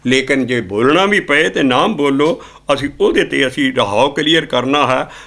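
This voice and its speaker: A man's voice: mid-range voice, normal speed, gravelly, fairly bright tone. A man preaching a Sikh sermon, explaining scripture lines and then singing them. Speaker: kirtan singer and preacher.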